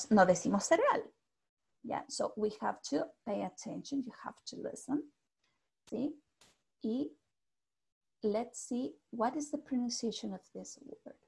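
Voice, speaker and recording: This woman speaks with a fairly high, creaky voice that is a little mellow and slightly rough. She has a Chilean Spanish accent and teaches an English class over a video call. Patient with her students, she checks in with them constantly and mixes English into her Spanish.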